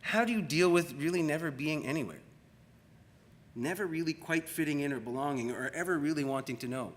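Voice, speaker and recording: A middle-aged Canadian man, his voice a little high, delivers a public academic lecture as a university media studies lecturer. He speaks reflectively and deliberately, posing rhetorical questions and repeating phrases for effect. The talk takes place in a large room at a university colloquium, and the hall's long reverb makes it echoey.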